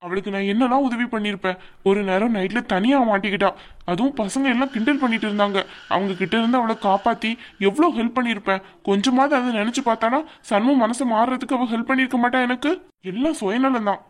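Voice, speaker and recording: A woman's voice: fairly high pitch, close to an everyday voice. A woman voicing a heartbroken young husband in a cartoon drama, who talks wearily and begs to be left alone. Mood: brooding. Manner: weary, pleading to be left alone.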